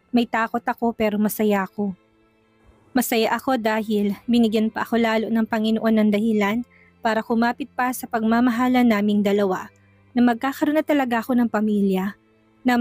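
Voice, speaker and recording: A woman earnestly narrating a first-person romance story, with soft music behind. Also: fairly high pitch, dry recording.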